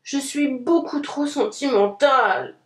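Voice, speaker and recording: A woman voicing a hungry, softhearted young male wolf in a storybook, grumbling at himself. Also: sits high, slow pace, reverberant.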